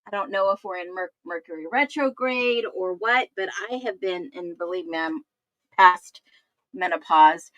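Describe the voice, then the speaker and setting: Emphatic bright-voiced woman in her fifties. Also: fairly low pitch, normal speed, no echo. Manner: emphatic, repetitive, chatty asides. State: thirsty, getting over the flu. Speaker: true-crime commentator. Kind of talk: casual livestream commentary.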